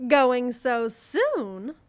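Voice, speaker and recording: A woman's voice: fairly high pitch, very animated, very slow, dry recording, heavily acted. A teenage girl playing a tyrannical, gloating wicked witch in a stage play, imperious and taunting. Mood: gloating, commanding. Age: teens. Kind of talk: high school stage play acting. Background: music.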